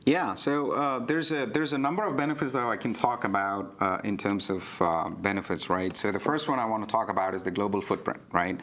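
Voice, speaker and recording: A man's voice: fairly low pitch, a little fast, few pauses, a bit bright. A man explaining a technical service model on a livestream, talking fluently with frequent "you know" and "right?" fillers. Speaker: cloud provider guest expert.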